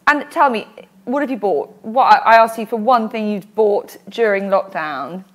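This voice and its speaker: A woman's voice: medium pitch, moderate pace. A woman, hosting a casual studio chat and laughing often. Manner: chatty, laughs often, gestures while talking. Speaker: host. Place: small studio with floral wallpaper.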